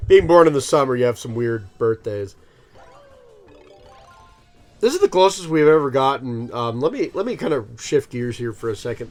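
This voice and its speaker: A man in his thirties giving rambling, casual let's-play commentary, full of ums and self-amused laughs. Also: mid-range voice. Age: 30s. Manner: rambling, filler-heavy, laughs at himself. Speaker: gaming channel host.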